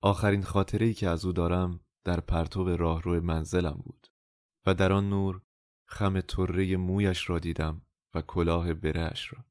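A man narrating a novel as an audiobook in a measured, calm first-person storytelling manner. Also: low voice, dry recording, clean studio sound.

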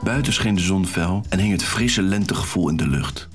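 Guy doing a nervous young dude telling his own story, low voice, wry, soft music behind. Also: moderate pace, close to an everyday voice. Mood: wondering. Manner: self-conscious, rueful, wry. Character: anxious young man, shy secret dancer. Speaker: narrator and lead character. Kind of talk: first-person audio drama narration.

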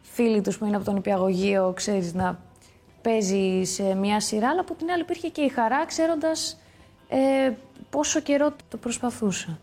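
A woman's voice: mid-range voice, a little mellow. Chatty young woman interview guest. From Greece. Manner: chatty and candid, quick to laugh at herself. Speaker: actress guest. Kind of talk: casual interview chat.

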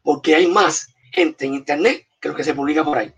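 A man's voice: a little high, a little fast, a bit bright, slightly rough. A man with a Puerto Rican accent, a comics artist telling stories and giving emphatic, punchy advice in a casual interview. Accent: Puerto Rican Spanish. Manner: emphatic, gives punchy advice in short commands. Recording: distant, dull, muffled mic.

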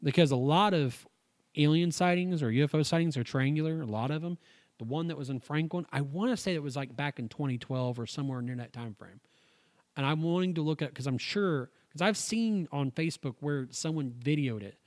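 A man's voice: fairly high pitch, a little fast, a little mellow. A man hosting a casual podcast, reading out stories and thinking aloud in a rambling, jokey way. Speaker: podcast host.

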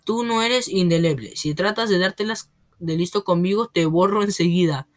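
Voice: mid-range voice, moderate pace, close to an everyday voice. A reader voicing a bullying, tyrannical headmistress who roars and scorns in a read-aloud storybook. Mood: scornful. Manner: roaring, scornful.

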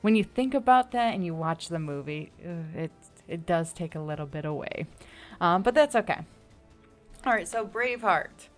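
A woman's voice: fairly low pitch, lively intonation, normal speed, faint music behind. A woman co-hosting a podcast, chatting casually and reading from her notes for a movie review. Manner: laid-back, reviewing from notes. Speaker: podcast co-host. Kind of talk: casual chat.

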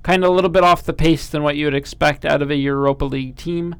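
Male co-host, a bit high, with a gravelly edge; reads standings steadily, teases his partner. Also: steady tone, fast talker, dry recording. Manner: jokey, teasing banter. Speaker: podcast co-host. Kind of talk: casual sports chat.

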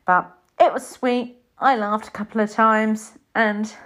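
A British woman in her thirties chatting casually about films, rambling and breaking into high-pitched mimicked reactions. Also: fairly even intonation, unhurried, fairly bright tone. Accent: British English. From Britain. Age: 30s. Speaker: film reviewer. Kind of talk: casual chat.

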